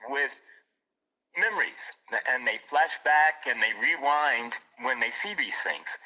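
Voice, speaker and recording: A man's voice: medium pitch, lively intonation, slow pace, bright, forceful tone, highs cut off. A man who runs an art gallery, talking earnestly in a casual interview and often repeating his words. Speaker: art gallery owner, guest.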